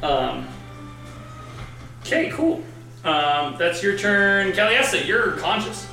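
A woman's voice: medium pitch, big pitch swings, slow pace, sharp tone. A woman running a tabletop role-playing game as game master, narrating informally and acting out little exclamations. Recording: echoey room, distant mic, music.

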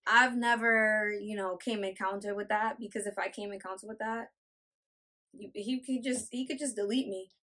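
A woman's voice: mid-range voice, fairly even intonation, normal speed, pushed and bright. A young woman with a mid-range voice co-hosts a casual podcast. She speaks emphatically and leans on fillers as she talks. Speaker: podcast co-host. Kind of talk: casual chat.

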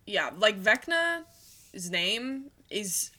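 A woman's voice: mid-range voice, very animated, very slow, sharp tone. A woman co-hosting a casual podcast, rambling and hesitant, with many "like"s. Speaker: podcast co-host. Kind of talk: casual chat about a TV show.

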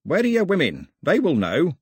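A man voicing a frail, bewildered old male priest, croaking, pompous and given to wailing. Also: a little high, huge pitch swings, normal speed, no echo, clean studio sound, voice pushed up, full character voice. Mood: querulous.

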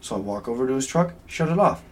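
A young man in casual podcast chat, lively and profane, quick to protest and correct the story. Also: medium pitch. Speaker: podcast co-host.

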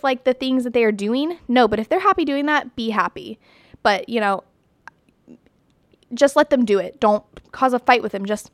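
A woman's voice: on the high side, a bit bright, no room sound. A young woman vlogging in a casual, opinionated way, blunt and emphatic, with lots of "like" and "you know". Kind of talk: casual talk to camera.

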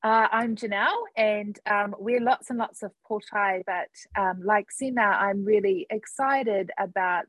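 A woman's voice: mid-range voice, measured pace, few pauses, a bit bright, dry recording. Dry-sounding New Zealand woman panellist. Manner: mixes Māori words and greetings into speech. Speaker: panel guest, coalition co-chair. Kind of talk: conversational panel discussion.

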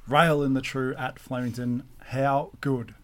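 A man's voice: mid-range voice, fairly even intonation, unhurried. A young Australian man hosting a racing podcast, casual and cheeky in banter with his co-host. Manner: cheeky, teasing, laid-back banter.

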